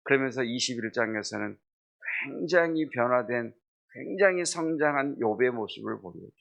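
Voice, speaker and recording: Middle-aged male pastor, crisp bright tone with some rasp, earnest preaching. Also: mid-range voice, lively intonation, moderate pace, muffled recording. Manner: earnest preaching that swells louder toward the end. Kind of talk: sermon.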